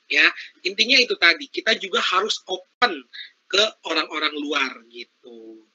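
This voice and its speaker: A man's voice: fairly high pitch, sing-song, moderate pace, bright, forceful tone, breathy edge, low-quality recording. A man giving a casual, interactive workshop talk over a video call. He chats freely and keeps asking his audience questions. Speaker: workshop speaker.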